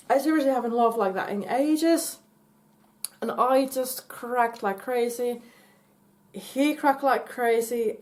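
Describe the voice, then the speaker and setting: A woman casually telling a personal story in a halting way, full of fillers and restarts and breaking into giggles. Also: on the high side, a little mellow. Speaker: vlogger.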